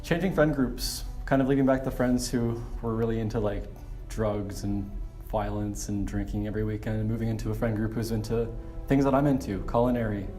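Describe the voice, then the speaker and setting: A man's voice: lowish voice, fairly even intonation, fairly quick, hardly any pauses, warm tone, soft background music. A man, a culinary student, giving casual, frank, laid-back interview answers.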